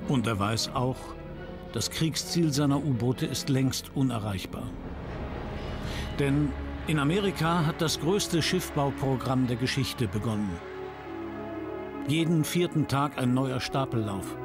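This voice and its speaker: A man narrates a history documentary in a grave, measured delivery. His pitch is medium and his phrases are short and dramatic, with music clearly playing behind. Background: background music.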